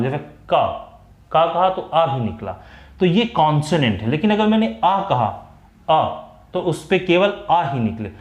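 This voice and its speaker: An Indian man explains English grammar in a slow, patient classroom style, stretching out the words he wants to stress. His voice sits a little high. The recording has a noticeable room echo. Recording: echoey room.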